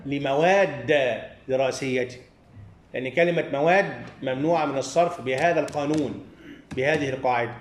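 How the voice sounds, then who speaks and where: A man's voice: a little high, steady tone, quick pace, roomy sound. A man with an Egyptian accent teaching a hadith studies class, leaving sentences open so his students can finish them. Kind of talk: classroom lecture with call-and-response.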